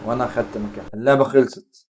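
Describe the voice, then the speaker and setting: A young Egyptian man plays a horror game with joking commentary, swearing and acting scared. His voice sits at an average pitch. A faint hum hangs behind him. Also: fairly even intonation, racing. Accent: Egyptian Arabic. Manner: jokey, swears, mock-scared reactions. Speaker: gaming YouTuber.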